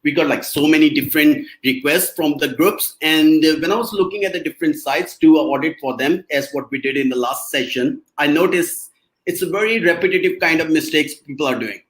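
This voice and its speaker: A man's voice: fairly high pitch, fairly quick, poor audio. Hesitant male guest expert. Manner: hesitant, with restarts and nonstandard grammar, laughs often. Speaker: SEO agency guest expert. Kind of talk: casual livestream presentation.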